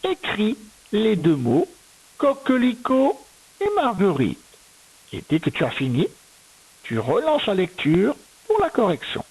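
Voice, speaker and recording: A woman's voice: medium pitch, wildly swooping pitch, a little mellow, breathy edge, poor audio. A woman teaching a young child to spell, sounding out words one syllable at a time in a patient, step-by-step way. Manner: slow, patient, syllable-by-syllable dictation. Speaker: primary school teacher. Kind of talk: recorded reading and spelling lesson for a young child.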